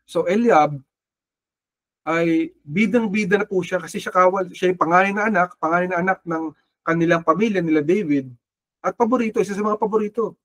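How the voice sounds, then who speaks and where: A man's voice: high-pitched, brisk, dry recording. A man preaching a sermon with a Filipino accent, mixing Tagalog and English and calling listeners brother or sister. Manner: switches between Tagalog and English, calls listeners "kapatid" often; acts out quoted figures with a raised voice. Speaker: pastor.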